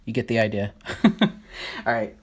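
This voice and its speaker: A host giving a casual Bible lesson while writing on a board, halting and unsure of names, thinking aloud as they go. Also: medium pitch, big pitch swings, husky. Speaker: Bible study video host.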